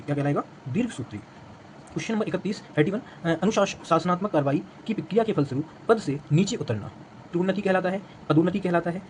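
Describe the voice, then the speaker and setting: A man's voice: fairly high pitch, darkish tone, a little hiss or hum. A man teaching an exam-prep language lesson, repeating each answer back as a quiz question.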